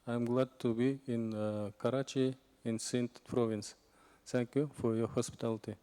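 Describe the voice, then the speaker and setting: A man from Kazakhstan, a junior diplomat, introducing himself hesitantly with pauses. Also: medium pitch, level tone, dark tone, clean tone. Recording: reverberant hall.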